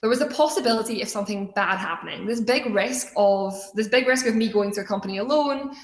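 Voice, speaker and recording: With an echoey room around her, a young Scottish woman who leads a student group gives a keynote, telling her personal story to inspire. She speaks quickly at medium pitch, sounding earnest and conversational.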